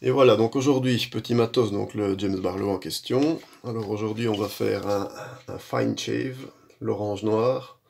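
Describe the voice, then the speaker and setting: Homme à la voix grave et rocailleuse. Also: male voice, on the low side, moderate pace, gravelly, a little mellow, slight background noise. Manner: rambling, many fillers, self-deprecating asides. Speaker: shaving vlogger. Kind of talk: casual how-to commentary.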